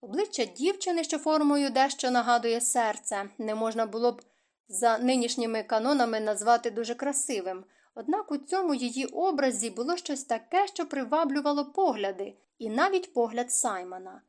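Reading a romance novel aloud, the woman narrator speaks at a normal speed in a higher-pitched voice, giving the story an expressive delivery.

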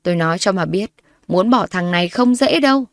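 A woman's voice: mid-range voice, animated, fairly quick, dry recording, clean studio sound, close to an everyday voice. Woman doing a furious violent husband. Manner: barking, threatening.

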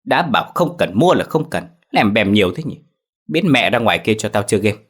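A man's voice: sits low, expressive, normal speed. A man voicing a lazy, rude young husband who answers in a dismissive, irritated way.

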